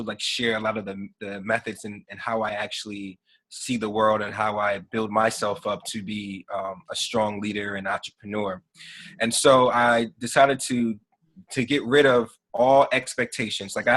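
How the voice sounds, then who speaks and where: A man in his thirties, a podcast guest and author, telling a story earnestly in a conversational interview, often trailing off softly. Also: lowish voice. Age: 30s.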